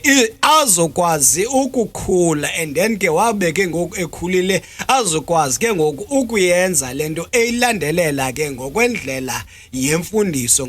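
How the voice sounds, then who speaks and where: A man with a Xhosa accent from South Africa, explaining things deliberately as an interview guest, with frequent hesitation sounds. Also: high voice, a bit bright. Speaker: traditional healer interview guest.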